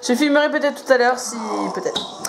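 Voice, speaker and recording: At home indoors, a young woman with a high voice talks fairly quickly to her handheld camera, chatting casually and hesitantly as she rambles like a vlogger.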